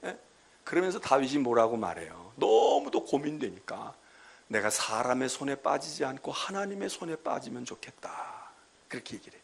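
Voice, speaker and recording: Male pastor, middle-aged, gravelly and a bit husky, very animated storytelling sermon. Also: mid-range voice, moderate pace. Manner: lively storytelling, acting out quoted prayers. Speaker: senior pastor. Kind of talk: midweek Bible lecture sermon.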